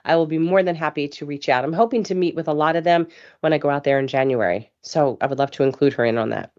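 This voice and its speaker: A woman hosting a casual live show, chatty and rambling, with a hoarse voice from a cough. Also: low voice, fast talker, darkish tone, muffled recording. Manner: chatty, rambling, laughs easily. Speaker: host.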